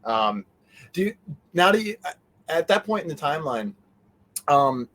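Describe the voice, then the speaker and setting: A man with a slightly high, very animated and somewhat bright voice speaks unhurriedly as an interview guest. He's a convention organizer in a casual fan chat, joking and cutting into his own rambling sentences.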